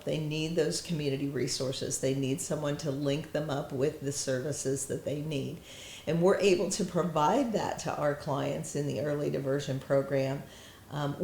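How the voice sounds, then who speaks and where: A woman's voice: deep voice, darkish tone, a little hiss or hum. A woman on a mental health program's staff speaking earnestly and measuredly in an interview. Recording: echoey room.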